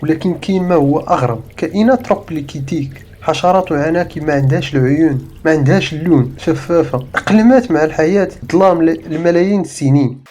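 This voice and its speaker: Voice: mid-range voice, fast talker, hardly any pauses, dark tone, a little hiss or hum. A narrator with a Moroccan accent reading a scripted documentary-style voice-over for a travel vlog. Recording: music behind the voice.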